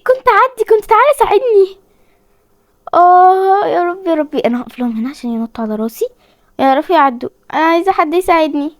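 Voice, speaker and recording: A woman's voice: high-pitched, darkish tone, dry recording. A young woman with an Egyptian Arabic accent, commenting on a horror game she plays, jumpy and frightened, squealing and pleading as she goes. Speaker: gaming channel host.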